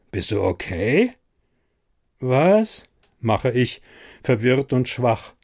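A man's voice: medium pitch, darkish tone. A man narrating a first-person horror story in a tense, dramatic reading.

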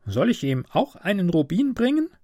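A man's voice: high voice, very animated, normal speed, dark tone, no echo, clean studio sound, voice pushed up. A man reading a storybook aloud and voicing a loyal, kind-hearted female swallow in a raised, pleading voice.

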